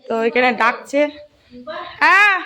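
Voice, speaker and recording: A young woman, chatting to her viewers in a casual family vlog at home and calming a child as she films on her phone. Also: sits high, a little slow. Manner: chatty, pointing things out to viewers, soothing a crying child. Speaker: family vlogger, mother.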